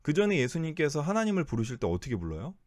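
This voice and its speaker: A man's voice: a little high, huge pitch swings, fast, a little mellow, dry recording, studio quality. A man teaching a Bible study, who asks his listeners rhetorical questions and corrects himself mid-sentence.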